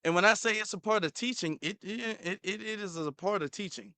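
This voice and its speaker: A man's voice: high-pitched, fairly quick, pushed and bright, smooth, dry recording. A man hosting a commentary channel, reacting to a clip in a heated, repetitive way, sometimes stumbling over his words.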